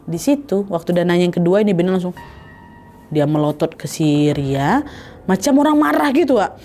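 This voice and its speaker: A woman's voice: on the low side, expressive, normal speed, dark tone, a little hiss or hum. A young woman, casually telling a horror story in a chatty way, addressing listeners directly.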